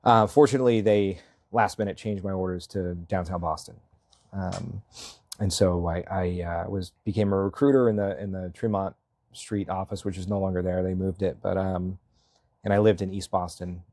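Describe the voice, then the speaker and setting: Low-pitched and fairly even, at a normal speed with a slightly mellow quality, the voice belongs to a man in his thirties from Massachusetts who is running for selectboard. Heard as a guest in a casual interview, he rambles, mocks himself, laughs a lot and leans on fillers. The audio is studio quality with no echo.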